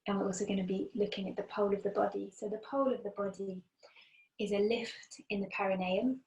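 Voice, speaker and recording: A woman teaching a guided meditation as a spiritual guide, speaking gently, soothingly and without hurry. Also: medium pitch, level tone, fast. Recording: roomy, echoing sound.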